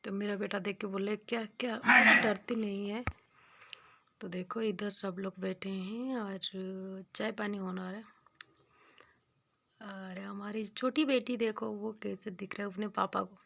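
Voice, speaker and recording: Recorded outdoors at a village home with a little hiss or hum, a young woman narrates her casual vlog in an unhurried, creaky, medium-pitched voice with little pitch movement. Homely and repetitive, this village vlogger keeps drawing simple moral lessons from life.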